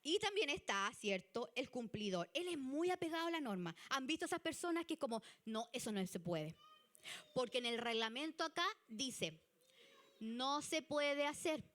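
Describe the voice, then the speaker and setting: A woman with a Chilean Spanish accent giving a church youth leadership lesson, chatty and animated. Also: a little high, normal speed. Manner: chatty and animated, acts out example people.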